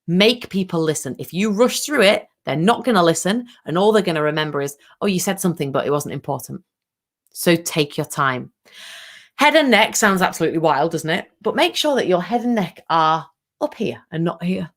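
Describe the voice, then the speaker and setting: A woman vocal coach leading an online workshop, giving direct, lively instructions and demonstrating as she goes. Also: fairly low pitch, moderate pace.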